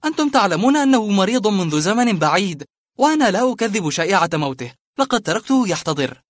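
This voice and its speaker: A bitter, disillusioned barber, as a male reader puts him on, cold and scornful and hurling his words in a raised, emphatic voice. The voice sits fairly high for a man and is recorded close and dry, with no room around it. It suits a dramatized audiobook. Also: very animated, fast talker, no echo. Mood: defensive.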